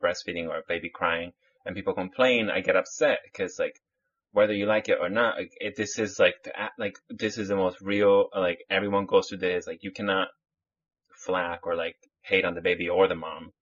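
A Chilean man appears as a guest on a podcast, chatting casually in a very low, husky voice that's a bit bright, with a steady tone and moderate pace. He rambles, restarting sentences and using fillers. The sound is muffled and lo-fi, suggesting a modest setup.

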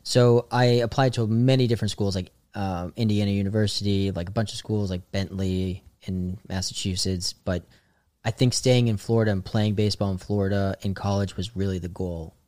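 A man's voice: lowish voice, steady tone, normal speed, darkish tone, no echo, studio quality. A young man from the Boston suburbs, a guest telling stories in a rambling, filler-heavy casual chat. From Boston suburbs, USA. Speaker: guest, comedian.

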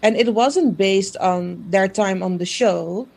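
A woman with a medium-pitched, gravelly, darkish voice takes her time speaking. A Dutch native speaker from the Netherlands with a Dutch accent, she creates a social media page and chats casually as an interview guest, with many fillers and easy laughs.

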